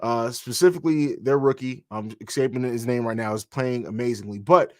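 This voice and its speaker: A man in his own home setup hosts a live stream, reading out viewer questions and answering them in a loose, conversational way. His voice sits at a middle pitch. The sound is dry and close, with no room echo. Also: fairly quick, darkish tone. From grew up in Italy and Germany. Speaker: podcast host. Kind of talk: casual live-stream chat.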